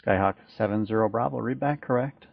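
Gravelly man on aviation radio. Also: lowish voice, no echo. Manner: brisk, clipped phraseology. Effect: aviation radio transmission. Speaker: air traffic controller. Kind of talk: rapid radio clearances. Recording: muffled dry radio audio.

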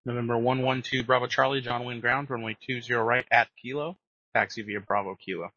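A man's voice: mid-range voice, fairly even intonation, a little fast, sharp tone. A man giving procedural instructions as an air traffic controller over radio. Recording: muffled dry aviation radio.

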